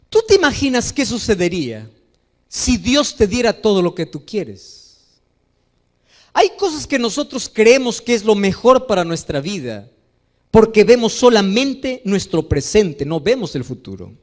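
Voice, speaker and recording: A male pastor delivers a sermon in a very high voice that climbs and falls widely. He puts questions to the congregation and slows right down on the phrases he wants to land. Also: very animated. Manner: preaches to a congregation, asks them questions; acts out quoted voices in a raised pitch.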